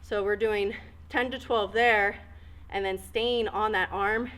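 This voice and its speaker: A woman's voice: medium pitch, a bit bright. A woman in her thirties coaching a dumbbell workout, cueing each move step by step and a little out of breath. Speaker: fitness coach. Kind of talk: workout instruction.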